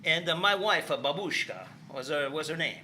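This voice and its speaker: Brief: male comic as a rambling Italian immigrant bandleader, thick put-on accent, bright and sharp tone. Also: a little high, normal speed, a little hiss or hum. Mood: rambling story. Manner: broken English, rambling comic storytelling. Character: Italian immigrant accordion bandleader, chatty, cheerful. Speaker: band leader.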